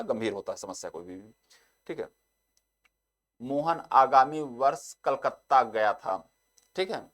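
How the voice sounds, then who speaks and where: A young male teacher takes students through an exam-prep lesson at a mid pitch. He keeps coming back to the same short filler. When he reads an example sentence aloud, he slows it down.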